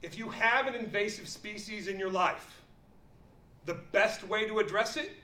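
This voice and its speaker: A man telling a folksy tall tale in mock-epic storytelling style, with theatrical emphasis and dramatic pauses, recorded at a distance in an echoey room. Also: high-pitched, pushed and bright. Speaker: storytelling contestant.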